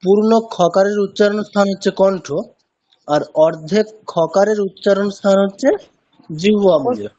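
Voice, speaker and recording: A man's voice: high-pitched, moderate pace, mellow, highs cut off. A man teaching a pronunciation lesson in an online class, patiently repeating sounds to demonstrate them. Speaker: chanting teacher.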